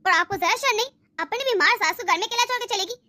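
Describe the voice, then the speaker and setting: A woman voicing a sharp-tongued, spiteful grown daughter in a cartoon, taunting and bossing her family around. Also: extremely high pitch, fast, no room sound. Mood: scolding. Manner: scolding, taunting, demanding. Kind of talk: Hindi cartoon voice acting.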